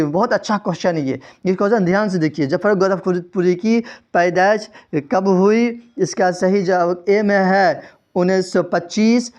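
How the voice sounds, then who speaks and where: A man's voice: high voice, a little mellow. A man teaching an exam-prep quiz lesson. He reads out the answer options and repeats each question to his students.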